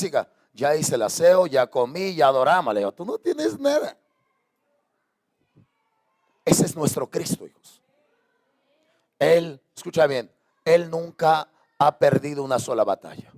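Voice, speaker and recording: A man's voice: fairly high pitch, expressive, normal speed, a little mellow. A man preaching a sermon as pastor, impassioned, throwing out repeated rhetorical questions to his congregation. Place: church sanctuary.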